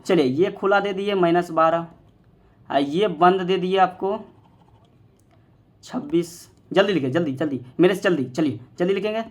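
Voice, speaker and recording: A man's voice: sits high, moderate pace. A male math teacher, giving a playful classroom lesson and teasing his students while repeating steps.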